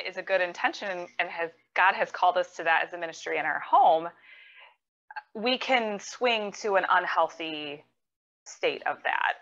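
A woman counselor speaking as an interview guest, explaining things in a measured, thoughtful way. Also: on the low side, bright, forceful tone, highs cut off. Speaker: mental health counselor.

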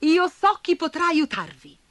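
A woman doing a gentle, naive little stick boy. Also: very high voice, very animated, unhurried, no room sound, voice pushed up, exaggerated voice. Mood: eager.

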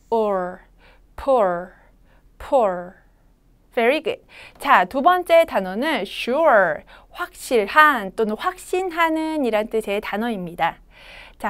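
A young woman teaching English pronunciation to children, modeling words slowly for them to repeat and praising them. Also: fairly high pitch. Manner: bright, encouraging teacher voice. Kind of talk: children's phonics lesson.

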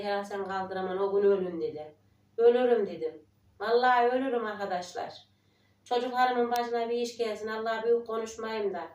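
A woman's voice: medium pitch, a little mellow, roomy sound, distant mic. A woman in her forties, talking emotionally to her viewers in a trembling, prayerful voice. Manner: emotional, tearful, prayerful, quoting others. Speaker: village life vlogger. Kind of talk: emotional casual chat to viewers.

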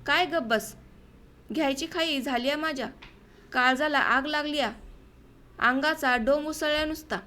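A woman voicing an enraged young village husband who is humiliated and violent, speaking in shouting, bitter outbursts. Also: sits high, moderate pace, pauses often. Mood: furious.

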